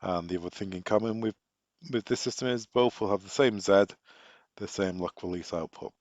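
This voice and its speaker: A technical trainer explains wiring diagrams in a voice on the low side, a little fast and slightly mellow, stressing key points by repeating them. The room recording sounds dull and echoey.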